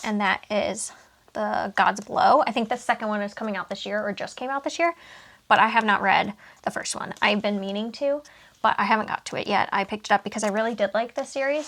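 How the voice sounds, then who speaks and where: A woman's voice: mid-range voice, fairly bright tone. Chatty young woman touring her bookshelves. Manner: chatty, rambling with fillers and asides. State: a little out of breath. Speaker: booktuber. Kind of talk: casual bookshelf tour vlog. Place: home room by her bookshelves.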